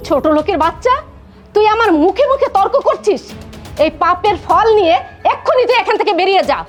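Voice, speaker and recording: A woman's voice: very high-pitched, animated, fairly quick, faint music behind. A woman with a Bangladeshi accent playing a harsh, accusing middle-aged mother-in-law in a melodramatic film, scolding and haranguing. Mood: angry, accusing. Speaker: actor. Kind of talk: melodramatic short film acting.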